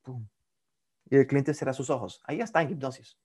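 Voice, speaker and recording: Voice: mid-range voice, quick pace, a little mellow, husky. A hypnosis instructor, teaching a tutorial, often checking in with "ok?" and shifting voice to demonstrate questioning. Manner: stammers on repeated words.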